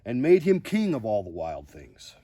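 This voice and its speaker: Husky older man reading a storybook. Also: medium pitch, wildly swooping pitch, normal speed, warm tone. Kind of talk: storybook read-aloud with casual asides.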